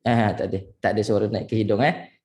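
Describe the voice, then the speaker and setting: A man with a Malaysian Malay accent teaching tajwid, correcting pronunciation and slowly drawing out and repeating Arabic syllables. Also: fairly low pitch, steady tone, a little mellow. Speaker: Quran recitation teacher.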